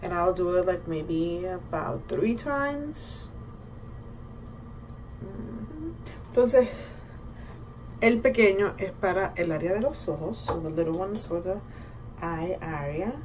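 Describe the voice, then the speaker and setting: A woman with a fairly low, slightly slow voice and frequent pauses chats casually like a bilingual vlogger, narrating her skincare routine. She sounds relaxed and switches between Spanish and English. It's a clearly noisy recording in a small home bathroom, picked up by a camera or phone at about arm's length.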